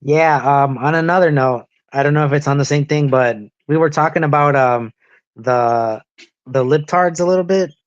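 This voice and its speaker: A wry, opinionated man chatting on a casual podcast. His voice is a little higher than most, and it sounds dry and close with no room echo. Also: normal speed, lo-fi sound. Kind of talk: casual discussion.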